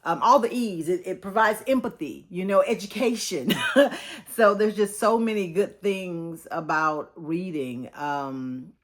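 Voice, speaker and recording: A Texan woman in her fifties talks through a book review in a relaxed, rambling way. Her voice sits a bit low for a woman, and she calls her viewers y'all. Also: a little slow. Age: 50s. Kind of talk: casual book-review vlog.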